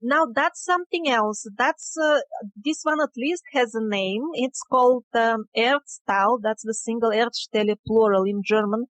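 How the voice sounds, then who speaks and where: In a rough recording, an independent researcher with a fairly high voice talks unhurriedly as an interview guest. Her account of her field findings is conversational, with phrasing both emphatic and hesitant.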